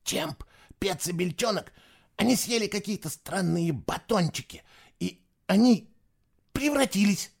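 A man reading an audiobook, voicing a frightened boy who speaks in a hushed, urgent way. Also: high voice, animated, measured pace, gravelly, pitched above the performer's own voice, full character voice. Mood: scared.

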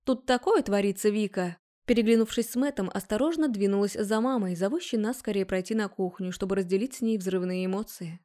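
A woman's voice: mid-range voice, quick pace, hardly any pauses, dark tone. Young woman narrating a story, wry. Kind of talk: first-person audiobook narration.

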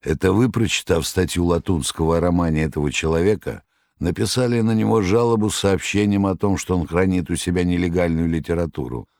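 A man's voice: low voice, a little fast, a little mellow, dry recording, clean studio sound. A man voicing a nasal, menacing male demon henchman in an audiobook. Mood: interrogating. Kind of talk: audiobook reading.

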